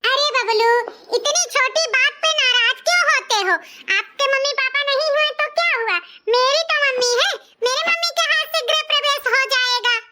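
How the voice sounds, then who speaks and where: A squeaky, bright young wife who gets defensive and whiny, as a woman voices her in a cartoon. Her pitch sits very high, and she speaks with a sharp edge. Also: normal speed, heavily acted.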